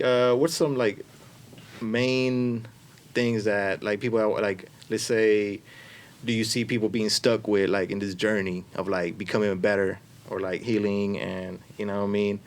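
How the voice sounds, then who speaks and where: Low-voiced hesitant male podcast host. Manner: hesitant, many fillers and restarts. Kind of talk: casual interview chat.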